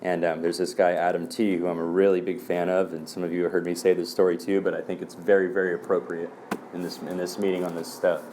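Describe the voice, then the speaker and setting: Low-voiced man telling stories casually. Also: little pitch movement, fast talker, darkish tone, a little hiss or hum. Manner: loose storyteller, fillers like "man" and "um". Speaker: speaker sharing at a recovery meeting. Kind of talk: casual personal talk.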